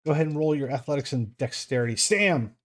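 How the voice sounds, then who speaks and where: Male game master, medium-pitched, narrating tabletop role-play and prompting players. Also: expressive, fast talker.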